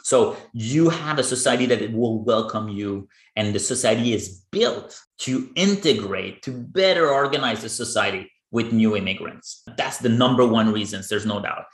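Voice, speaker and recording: Man, podcast host, earnest explainer, echoey room, mid pitch. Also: normal speed, few pauses. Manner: earnest, explaining in plain terms. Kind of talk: podcast interview.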